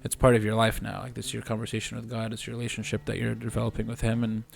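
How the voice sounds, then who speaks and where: Speaking rapid-fire with a fairly low, vocal-fried voice, this man in his twenties is a physical therapist guesting on a podcast. His casual conversation is earnest and steady, though he sometimes restarts.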